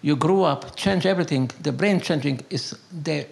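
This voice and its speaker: This is an older man from Hungary giving an unscripted account of his life in an interview, mixing storytelling with philosophizing. His fairly high voice carries a gravelly creak, his Hungarian accent is unmistakable, his English is broken and hesitant, and he repeats words for emphasis.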